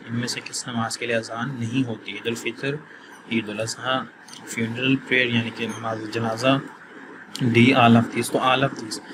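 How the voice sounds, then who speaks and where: Flat-voiced man reading quiz questions. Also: mid-range voice, heavy background noise. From Pakistan. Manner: reads English questions slowly, then explains in plain conversational tone. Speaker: quiz tutor.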